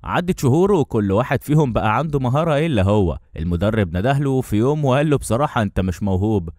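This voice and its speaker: A man with an Egyptian Arabic accent narrating an anime story recap in a rapid storytelling style. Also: medium pitch, animated, a little mellow, no room sound, clean studio sound. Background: faint background music.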